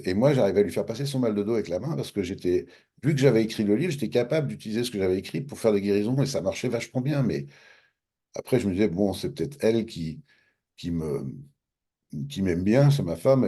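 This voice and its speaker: Husky French man telling a story. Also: fairly low pitch, quick pace. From France. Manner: animated, acts out both sides of past dialogues. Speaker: interviewee. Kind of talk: casual storytelling.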